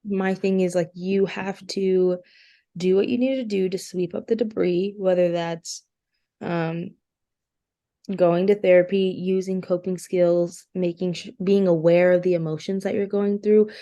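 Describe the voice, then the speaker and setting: Mellow-voiced woman co-host, earnest podcast chat. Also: lowish voice, steady tone. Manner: earnest, explaining, with quick laughs. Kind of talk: casual chat.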